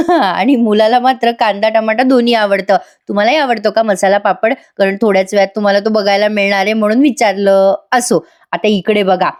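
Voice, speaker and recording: A woman's voice: mid-range voice, darkish tone. A woman narrating a voice-over recap of a TV serial, chatty and speaking straight to viewers. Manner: chatty, addresses viewers directly.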